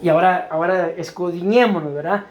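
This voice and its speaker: A man's voice: high-pitched, brisk, a little hiss or hum. A male pastor preaching a teaching sermon in a church, explaining step by step, often asking "right?" and putting questions to the congregation. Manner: explanatory, checks understanding with frequent "¿verdad?"; questions the congregation and waits for answers.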